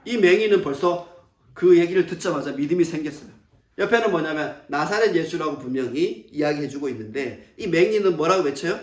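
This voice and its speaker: High-voiced preaching man, echoey church. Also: animated, a little fast. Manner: preaching with rhetorical questions and dramatized quotes. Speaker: pastor. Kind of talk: sermon. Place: church sanctuary. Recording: echoey church from a distant mic.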